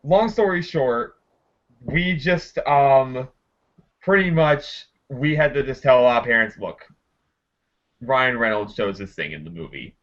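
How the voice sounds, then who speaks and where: A man's voice: mid-range voice, a little slow. A man co-hosting a podcast, telling stories animatedly in casual chat. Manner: animated storyteller, breaks in to make points. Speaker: podcast co-host. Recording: dull lo-fi sound.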